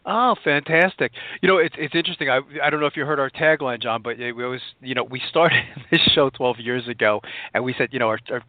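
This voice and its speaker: A man's voice: medium pitch, fast talker, dry recording. A man hosting an interview show, talking in a chatty way with many fillers and restarts. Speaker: podcast host. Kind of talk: phone interview. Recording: tinny phone-line sound.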